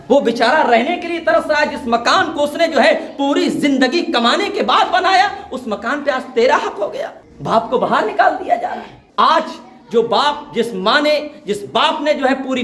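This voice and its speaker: A man's voice: very high-pitched, fairly bright tone. A man gives an emotional religious sermon, pleading and urging his listeners toward repentance. His voice rings out with a strong echo, as if he is preaching in a hall. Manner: emotional, pleading, addresses listeners as "my dear ones". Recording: echoey hall.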